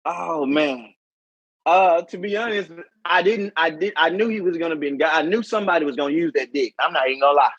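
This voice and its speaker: Boisterous high-voiced man, dull dry recording. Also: brisk, no room sound. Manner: loud, boisterous, laughs often. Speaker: co-host. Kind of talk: casual chat.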